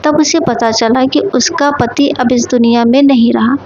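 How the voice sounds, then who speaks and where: Woman storyteller, devotional folk tale, high voice, steady pace. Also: a little slow. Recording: dull lo-fi recording.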